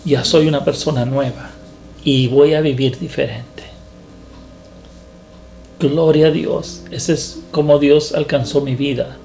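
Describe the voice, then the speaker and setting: A man's voice: on the high side, steady tone, gravelly, warm tone, faint music behind. Earnest man giving a sermon testimony. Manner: earnest, halting with repeated words. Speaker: preacher.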